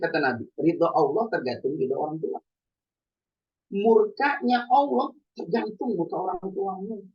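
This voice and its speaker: In a mosque hall, a man with a high-pitched, husky voice gives a conversational sermon, sharing everyday stories and posing rhetorical questions to listeners. The recording is distant, dull and lo-fi.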